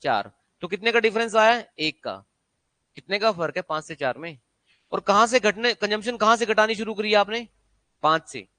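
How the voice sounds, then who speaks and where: A man's voice: high-pitched, moderate pace, pushed and bright, dry recording. A man teaching an exam-prep maths lesson, constantly quizzing students with rhetorical questions.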